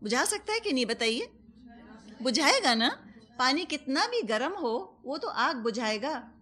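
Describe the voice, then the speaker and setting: Her voice is high and bright, forceful in tone, with big swings in pitch. She is a Quran teacher with a Pakistani Urdu accent, giving a commentary lesson in which she patiently explains using everyday examples and weaves in English words.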